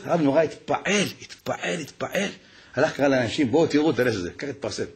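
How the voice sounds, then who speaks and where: A man preaching as a rabbi, telling stories with emotion, swinging between hushed passages and exclaiming ones. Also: mid-range voice, animated, breathy edge. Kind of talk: sermon with told stories.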